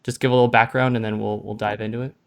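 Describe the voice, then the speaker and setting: A man hosting a podcast, asking relaxed, conversational follow-up questions. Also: on the low side, very fast. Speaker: podcast host. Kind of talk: casual interview chat.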